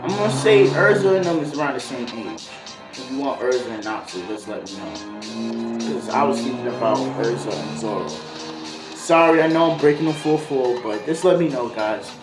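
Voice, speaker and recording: A video host, a man with a medium-pitched voice, tells a story at a normal speed in a casual, slangy way, rambling and improvising as he wanders off on tangents. A music beat plays behind him, and the room gives his voice an echo.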